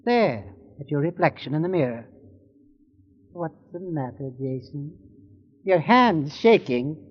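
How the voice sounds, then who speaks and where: An actor playing a cold, controlling, scheming uncle in 1940s radio drama style. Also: male voice, a little high, animated, measured pace. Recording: dull old radio recording, reverberant.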